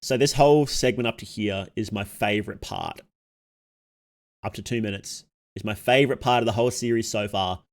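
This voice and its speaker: A streamer reacting to horror videos gives casual livestream commentary in a fairly low voice at normal speed. He thinks aloud as he goes, musing and questioning himself.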